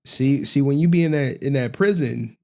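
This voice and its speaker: An American man giving casual, mocking commentary, animated and often repeating phrases for emphasis. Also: medium pitch, moderate pace. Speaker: online commentator.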